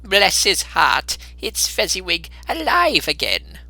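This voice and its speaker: A man voicing an emotional elderly man, earnest and easily moved, who exclaims fondly and forcefully in a storybook reading. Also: high-pitched, wildly swooping pitch, slow pace, vocal fry, no room sound, voice pushed up, heavily acted. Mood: excited, nostalgic.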